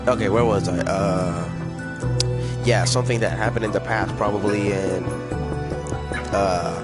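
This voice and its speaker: A man's voice: on the low side, fairly even intonation, a little slow. A man telling a long personal story in a casual, rambling way, full of fillers and slang. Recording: clear music behind the voice. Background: music.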